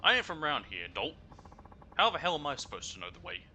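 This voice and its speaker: A man's voice: fairly high pitch, huge pitch swings, fast talker, bright, forceful tone, a little hiss or hum, voice pushed up, heavily acted. A man voicing a brash, rude out-of-town woman taxi passenger in a video game, blunt and slangy. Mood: rude, irritated. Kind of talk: reading game dialogue aloud.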